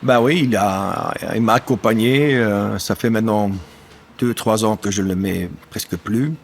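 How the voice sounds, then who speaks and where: Searching haltingly for his French words, a German-accented dairy farmer in his sixties from German-speaking eastern Belgium talks in a conversational podcast interview. His voice is on the low side, with slight background noise.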